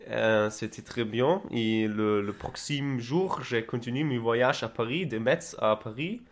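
A young German man speaks casual, broken French in a conversational interview, recounting his travels. His German accent carries some Spanish influence, and his medium-pitched delivery is slow and halting, with frequent repeated words while he searches for the next.

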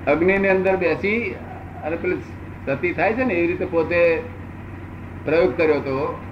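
A man in his seventies answering questions as a spiritual teacher, unhurried and repeating phrases for emphasis. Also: on the high side, highs cut off, noisy background. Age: 70s.

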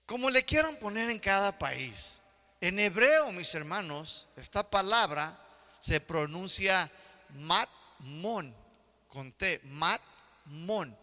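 A man's voice: high-pitched, lively intonation, a little slow, sharp tone, in a large hall. An older man preaching a sermon as pastor, often checking that the congregation is following along. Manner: asks the congregation for agreement.

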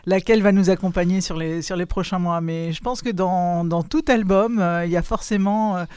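A woman hosts a radio show in relaxed conversation, often filling pauses as she talks. Her voice is smooth and crisp. The sound is dry and close, with no room around it. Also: lowish voice, dry recording. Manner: chatty, with frequent fillers. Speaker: radio host. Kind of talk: casual radio chat.

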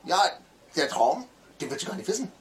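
A man voicing a sleepy, grumpy man woken by a phone call, rambling and talking fast in bursts. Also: a little high, sing-song. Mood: grumpy, drowsy.

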